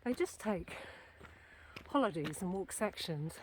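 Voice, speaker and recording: A woman's voice: fairly low pitch, animated, unhurried, darkish tone, slight background noise. A woman from Britain chatting casually to her camera while walking outdoors, rambling and correcting herself, a little out of breath. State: a bit out of breath. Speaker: walking vlogger. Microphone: handheld camera.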